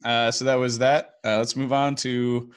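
Male host, mid-pitched voice, casual chat, informal TV recap. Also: flat delivery, normal speed, clear, resonant tone. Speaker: podcast host.

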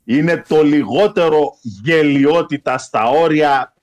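A man co-hosting a casual show, teasing and mock-insulting his partner. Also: a little high. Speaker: podcast co-host. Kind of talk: casual banter.

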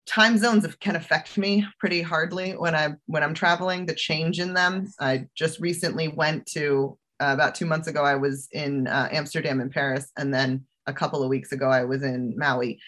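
A woman's voice: deep voice, moderate pace, few pauses. A woman guest who teaches self-defense and travel safety, talking chattily in a casual interview with lots of fillers. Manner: chatty, animated, with fillers and laughs.

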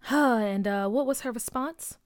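A woman voicing a gentle, patient mother in a storybook reading. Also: a little high, moderate pace, dry recording, studio quality, close to an everyday voice.

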